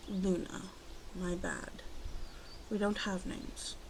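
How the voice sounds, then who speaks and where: A woman plays a protective, commanding female werewolf in an ASMR roleplay, speaking slowly and deliberately to the listener in a soft, guarded way with a matter-of-fact, explaining mood. Her voice is medium-pitched and level in tone. The audio is poor, with a little hiss or hum.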